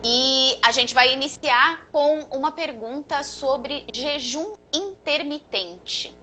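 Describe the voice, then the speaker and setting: A woman's voice: sits high, takes it slowly, bright, forceful tone, slight background noise, low-quality recording. A woman therapist hosting a live video interview, welcoming her guest and presenting the show's questions. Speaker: therapist and live-show host.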